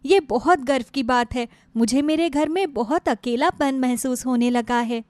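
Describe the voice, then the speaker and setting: A woman voicing a steady widowed neighbour in a storybook tale, speaking in a calm, comforting way. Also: high-pitched, unhurried, no echo.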